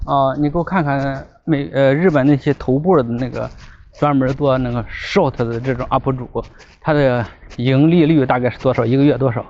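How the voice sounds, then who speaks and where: A man's voice: mid-range voice, steady tone, moderate pace, darkish tone. A man chatting casually and insistently, repeating his requests as he talks. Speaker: vlogger asking an AI assistant questions. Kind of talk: casual chat. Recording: muffled, noisy ambient recording.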